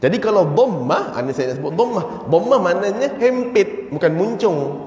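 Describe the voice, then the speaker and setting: A man's voice: sits high, animated, normal speed, a little mellow. A man with a Malaysian Malay accent giving an evening religious lecture in a mosque, teaching in a chatty way and chanting short Quranic phrases to show pronunciation. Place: mosque hall. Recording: echoey mosque hall.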